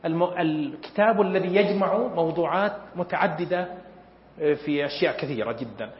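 Man lecturing in an echoey hall. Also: on the high side. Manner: measured, pausing often with fillers. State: clearing his throat often. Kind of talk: academic lecture. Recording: echoey hall, dull lo-fi sound.

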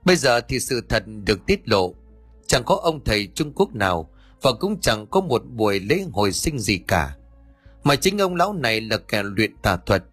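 A man narrating a story as an audiobook reader, steady and even. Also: lowish voice, normal speed, slightly rough, no echo, soft background music.

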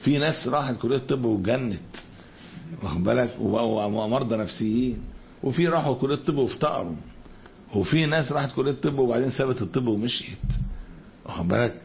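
An Egyptian man teaches a religious lesson in a gravelly voice with some fry. He keeps asking rhetorical questions and answering them, and moves from everyday colloquial talk into recited scripture. The lo-fi lecture recording sounds dull, with a faint hiss of background noise behind him. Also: medium pitch, animated, fast talker. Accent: Egyptian Arabic.

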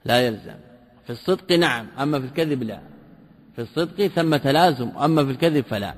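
A man teaching a lesson, reading a classical text passage by passage and explaining it, asking rhetorical questions and repeating key terms slowly. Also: mid-range voice, lively intonation, husky, in a large hall. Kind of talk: line-by-line commentary lesson.

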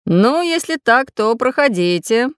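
A woman voicing a friendly male iron craftsman who welcomes guests in a raised, lively voice. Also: a little high, moderate pace, no room sound, studio quality, voice pushed up, natural voice. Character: kind tinkering iron craftsman man.

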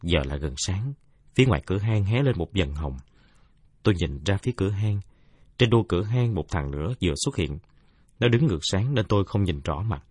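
A male storyteller with a low, husky voice, telling the tale in a measured, reflective way. His pitch moves freely and the recording is dry and close. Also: animated, a little mellow, no echo. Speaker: narrator. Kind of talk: audiobook narration.

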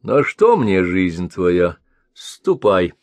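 A man's voice: sits low, very animated, drawn-out words, no echo, full character voice. A man reading a stern, gloomy young prince. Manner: curt, commanding.

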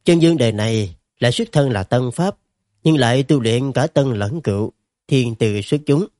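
A man playing a dead cultivator in a storybook, low murmuring, wry and reflective, mellow tone. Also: expressive, moderate pace, no room sound, studio quality, close to an everyday voice. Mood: wry musing. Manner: quiet, musing murmur.

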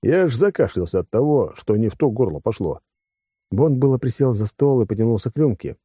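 A man's voice: medium pitch, expressive, a little fast, mellow, breathy edge, no room sound, clean studio sound. A man narrating a science-fiction audiobook in first person, in a wry, conversational way.

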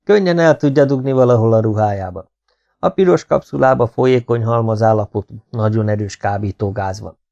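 A male audiobook reader voicing a brisk, practical male conspirator who gives earnest instructions. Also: lowish voice, gravelly, warm tone, lo-fi sound. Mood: instructive.

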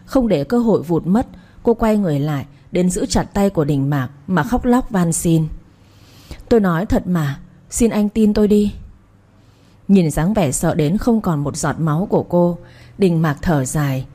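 A woman reading a romance novel aloud as storyteller, in a steady, expressive narration. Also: lowish voice, normal speed.

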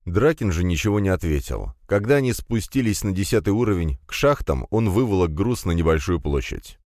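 A man narrating a fantasy audiobook in an expressive, dramatic manner. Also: low voice, fairly quick, no echo, clean studio sound.

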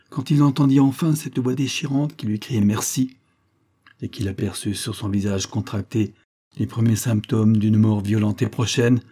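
A man narrating a classic serial story in a measured, dramatic reading. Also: lowish voice, dark tone, slightly rough. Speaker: audiobook reader. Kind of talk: scripted narration of a serial novel.

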